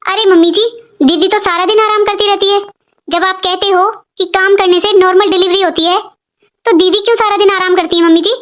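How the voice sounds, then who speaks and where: A performer voicing a sad, pregnant young daughter-in-law who pleads and complains softly in a cartoon story. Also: very high-pitched, steady tone, a little fast. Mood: plaintive. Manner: plaintive, pleading. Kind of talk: animated cartoon voice acting.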